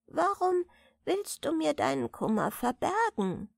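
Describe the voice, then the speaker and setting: A woman's voice: sits high, sing-song, measured pace, creaky, no echo, studio quality, pitched above the performer's own voice, exaggerated voice. A woman voicing a kindly frail old spinster. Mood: tender.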